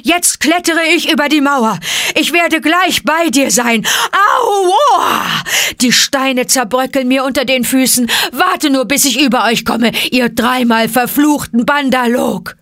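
A woman voicing a big angry bear who shouts while panting as he climbs. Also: on the low side, fairly even intonation, normal speed, hardly any pauses, no echo, studio quality, close to an everyday voice. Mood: panting fury.

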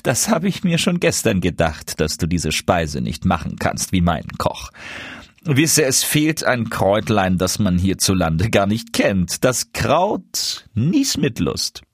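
A man voicing a sly, mocking foreign guest in a fairy-tale reading, speaking slowly and scornfully. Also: fairly low pitch, very animated, husky, dry recording, clean studio sound, exaggerated voice. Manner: slow, sneering.

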